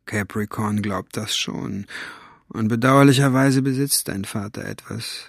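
A man playing a wary, scarred grown man who speaks in a low, hushed, insinuating way. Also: measured pace, vocal fry, no echo, studio quality.

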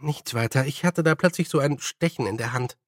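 A man reading an audiobook voices a clever young witch girl who reasons calmly. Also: mid-range voice, fairly quick, no echo, studio quality, close to an everyday voice. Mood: matter-of-fact.

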